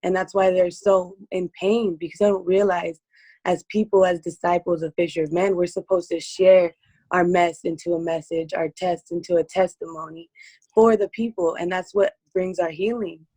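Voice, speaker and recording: A woman with a hoarse, strained voice, speaking earnestly as an interview guest giving personal testimony. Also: fairly low pitch, fairly even intonation, moderate pace, warm tone, no echo.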